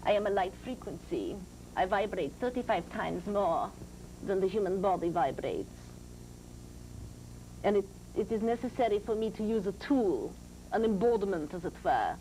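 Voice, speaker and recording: A man channeling a serene, grand spirit teacher as a seance medium in a trance, speaking formally and deliberately. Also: high-pitched, expressive, dark tone. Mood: solemn teaching. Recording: noisy old TV broadcast.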